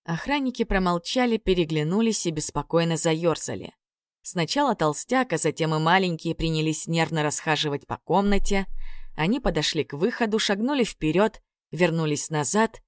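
A woman narrating a fairy tale audiobook in an expressive storytelling manner. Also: fairly low pitch, moderate pace, no echo, studio quality.

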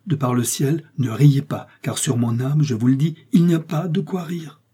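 A man's voice: medium pitch, normal speed, dark tone, husky, close to an everyday voice. A man voicing an agitated, earnest young swordsman in a read-aloud novel, speaking urgently and emphatically.

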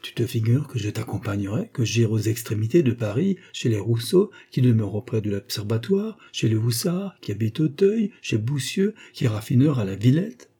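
A man voicing a sharp-tongued, impatient bourgeois wife who scolds loudly in a raised, husky voice. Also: mid-range voice, sing-song, moderate pace, few pauses. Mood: scolding. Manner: loud, scornful and exclaiming.

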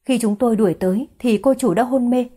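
A woman's voice: fairly high pitch, fairly quick, mellow, slightly rough. A woman reading a male bodyguard's dutiful, matter-of-fact report in an audiobook.

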